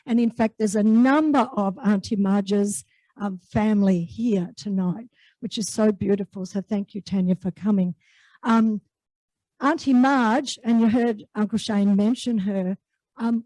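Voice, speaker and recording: This Australian-accented woman, serving as host and executive officer, runs an evening event in a large room with enthusiastic, filler-heavy speech. The recording of her mellow, mid-range voice is dry and rough.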